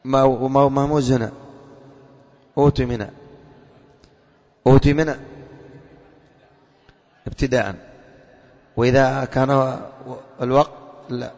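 A man's voice: medium pitch, steady tone, normal speed, long pauses, darkish tone. A male religious teacher giving a classroom lesson, quizzing his students and repeating their answers back to them. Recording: long reverb, dull lo-fi.

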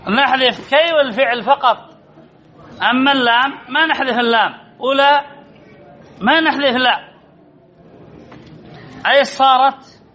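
A man's voice: very high voice, pushed and bright, a little hiss or hum. A man teaching Arabic grammar in a classroom, quizzing students and repeating key answers as drills, on a dull lo-fi recording. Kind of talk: classroom lesson with questions to students.

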